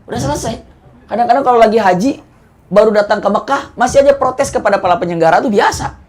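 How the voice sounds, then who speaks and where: A young man, preaching a sermon as an animated storyteller who swings his pitch and loudness. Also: fast talker. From Indonesia. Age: young adult.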